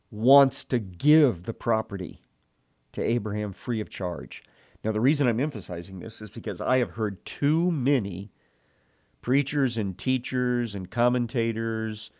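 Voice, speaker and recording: A man's voice: lowish voice, darkish tone. A man teaching from the Bible, reading scripture and retelling it in earnest, emotional storytelling.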